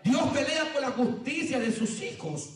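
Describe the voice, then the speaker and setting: A male pastor preaching a sermon, jumping between shouted lines and low murmurs and repeating phrases. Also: sing-song, normal speed. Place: church. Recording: echoey church from far off.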